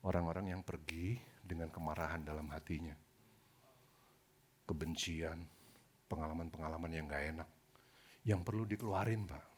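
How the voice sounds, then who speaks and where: A preacher voicing a calm, soft-spoken male taxi driver who gives advice in a hushed, low voice. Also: moderate pace, long pauses, husky.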